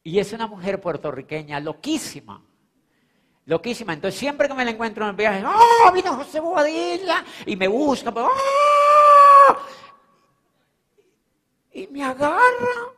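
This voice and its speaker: A man giving an animated, emphatic motivational talk, repeating phrases and checking in with his audience. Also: sits high, normal speed. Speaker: motivational speaker. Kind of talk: live motivational seminar talk. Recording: long hall reverb.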